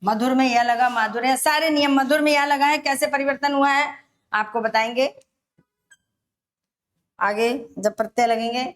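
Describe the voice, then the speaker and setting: A woman teaching Hindi grammar for an exam, explaining step by step and repeating words slowly. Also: high voice. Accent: Rajasthani Hindi. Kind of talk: exam-prep grammar lesson.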